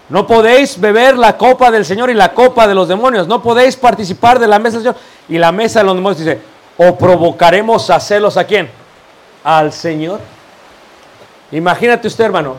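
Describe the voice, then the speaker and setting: A man preaching a sermon, firing rhetorical questions at his congregation and addressing them as brothers. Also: high-pitched.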